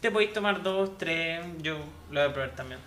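A man's voice: a little high, expressive, fairly quick, fairly bright tone. A young man with a Chilean accent hosting a casual cocktail show, explaining the recipe with crude jokes. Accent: Chilean Spanish. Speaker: host mixing cocktails.

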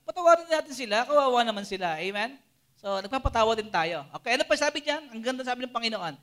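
A man preaching to a youth group, animated and always checking in with his listeners. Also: very high-pitched, quick pace. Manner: animated, keeps asking the listeners "Amen?" and "di ba?". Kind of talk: Taglish sermon to a live and Zoom audience.

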